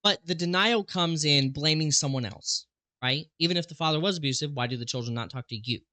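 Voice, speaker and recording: A man's voice: a little high, fairly quick, pushed and bright, no room sound. A man hosting a show, talking casually through examples with frequent fillers and restarts. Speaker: host. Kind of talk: casual commentary on a presentation.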